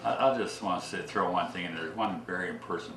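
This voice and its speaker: A man in his seventies from Ohio, a township trustee talking plainly in a casual radio interview, with halting restarts. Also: low-pitched, recorded from a distance. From Ohio, USA. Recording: echoey room with background noise.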